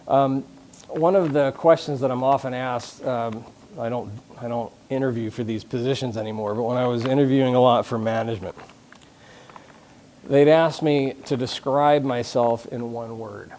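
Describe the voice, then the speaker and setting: This man addresses a live conference crowd on leadership in a mid-range, steady, darkish voice at a moderate pace, with slight background noise. His style is conversational and joking, full of restarts and questions aimed at the audience.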